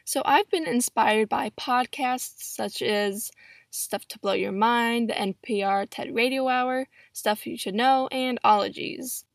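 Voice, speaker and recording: A woman's voice: fairly high pitch, measured pace, no room sound. A seventeen-year-old young woman hosting a solo podcast in a chatty way, recorded on a laptop microphone in a pillow-padded closet. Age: 17, teenager. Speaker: podcast host. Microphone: built-in laptop microphone.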